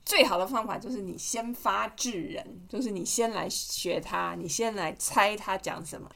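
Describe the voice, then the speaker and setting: A woman's voice: medium pitch, moderate pace, gravelly, fairly bright tone. A mother reading a picture book to her kids on a podcast, playful and chatty, often asking them questions. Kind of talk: storybook read-aloud podcast.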